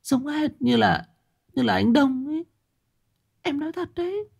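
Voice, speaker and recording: A man's voice: extremely high pitch, animated, measured pace, vocal fry, darkish tone, pitched above the performer's own voice, exaggerated voice. A man doing a scared stammering young wife. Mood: frightened stammering. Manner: stammering, pleading. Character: frightened young village wife.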